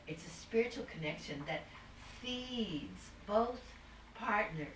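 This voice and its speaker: A woman guest with a mid-range, animated voice speaks slowly on a video call, chatting casually at length. Her talk is rambling, searching, and spiritual, full of restarts, captured on a distant, roomy mic with faint background noise.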